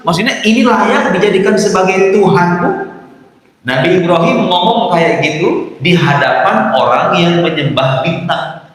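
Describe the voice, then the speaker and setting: A man's voice: on the high side, a bit bright. A male Islamic preacher giving a conversational sermon to a congregation. He acts out quoted dialogue as he tells stories and speaks directly to his listeners. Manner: conversational, addresses the audience directly. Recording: echoey hall with long reverb.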